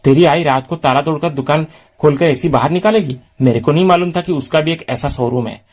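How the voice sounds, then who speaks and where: A man's voice: fairly high pitch, a little fast, a little mellow, natural voice. A brash young man full of street slang and jeers, read out by a reviewer in his own voice. The delivery stays close to an everyday speaking voice. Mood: mocking.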